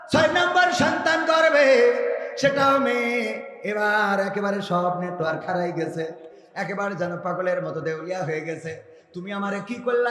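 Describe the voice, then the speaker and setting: High-pitched man preaching a shouted chanted sermon. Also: echoey room, in a large hall. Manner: swings between high shouted chant and low intimate speech. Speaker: Islamic preacher. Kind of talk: rhythmic shouted waz sermon.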